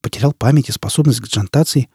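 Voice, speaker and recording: A man's voice: mid-range voice, quick pace, a little mellow, husky, no echo, clean studio sound. A man voicing a lonely, anxious young woman teacher who talks in a fretful, pleading way.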